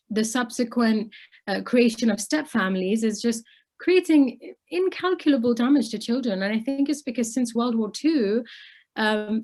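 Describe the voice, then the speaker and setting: A woman's voice: a little high, a little mellow. A woman in her twenties from Bangladesh, an interview guest speaking earnestly and articulately about her opinions. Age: 20s. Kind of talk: conversational interview.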